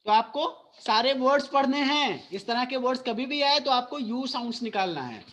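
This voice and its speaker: A man's voice: very high-pitched, animated, moderate pace, fairly bright tone. A male school teacher giving an online phonics lesson, mixing Hindi and English, patiently repeating and quizzing his students.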